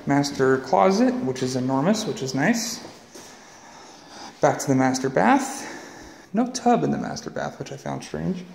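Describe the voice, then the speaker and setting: A mid-range, somewhat mellow voice with vocal fry guides a casual phone-camera tour of a large unfinished house's interior. He sounds animated yet matter-of-fact, pointing out rooms at a measured pace as he walks; slight background noise is present.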